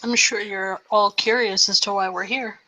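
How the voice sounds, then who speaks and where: A woman's voice: medium pitch, steady tone, normal speed, sharp tone, poor audio. A woman voicing a polite young male king consort who speaks hesitantly. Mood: formal. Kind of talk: voice role-play.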